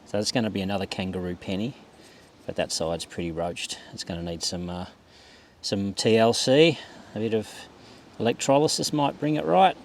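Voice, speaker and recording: A man's voice: lowish voice, moderate pace. A man giving a laid-back, understated running commentary outdoors on a beach, half talking to himself as he searches, in the casual way of a hobby vlogger. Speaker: metal detecting vlogger. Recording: clear outdoor background noise.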